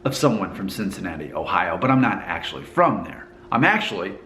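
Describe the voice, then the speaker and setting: This Alabama vlogger has a low, sing-song voice with a sharp tone, talking a little fast in a roomy space with slight background noise. His mostly neutral American accent carries just a faint trace of the South while he casually muses on camera and poses questions to the viewer.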